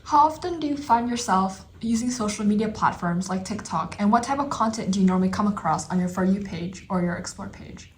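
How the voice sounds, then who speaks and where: A woman's voice: mid-range voice, fairly quick, few pauses. Woman interviewer with faint background hum. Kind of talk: interview questions.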